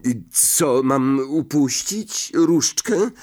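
A man's voice: mid-range voice, expressive, drawn-out words, a little mellow, voice pushed up. Harry Potter, a wary schoolboy voiced by a man. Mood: uneasy. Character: wary young schoolboy wizard.

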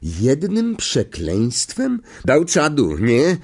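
A man voicing a loud, excitable young bus conductor who gossips in slang for an audiobook. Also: mid-range voice, drawn-out words, slightly rough, voice pushed up, exaggerated voice. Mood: boisterous gossip. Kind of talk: audiobook character voice.

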